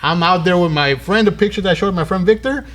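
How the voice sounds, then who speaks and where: A man's voice: sits high, fast talker. A man in his thirties hosting a podcast, telling a story in casual slang and acting out the dialogue. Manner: animated, slangy, acts out quoted dialogue.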